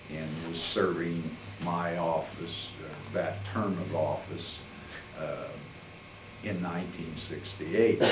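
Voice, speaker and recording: An older man recounting his memories in a rambling public talk, full of fillers and throat clearing, heard from a distance in a library meeting room. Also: low voice. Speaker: guest speaker, attorney. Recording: roomy, distant, faint hiss.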